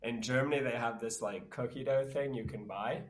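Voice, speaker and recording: A man with a croaky voice from being sick, chatting casually as a podcast co-host with mock-dramatic, boastful storytelling. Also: mid-range voice, a little fast, a little hiss or hum.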